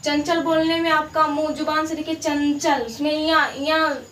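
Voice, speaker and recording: A woman with a high, slightly bright voice teaches grammar at a normal speed in a flat delivery, patiently repeating examples and checking that students follow. The mic is a little distant in an echoey room, with a faint hiss behind her.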